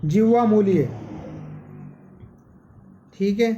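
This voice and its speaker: A man's voice: sits high, very slow, dark tone, lo-fi sound, faint music behind. A man teaching a grammar lesson, dictating syllables one at a time, asking questions and answering them himself. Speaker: Sanskrit teacher.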